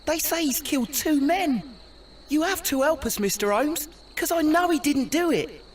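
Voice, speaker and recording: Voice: sits high, expressive, moderate pace, far from the mic. An actor voicing a worried young street boy in a video game, urgent and pleading.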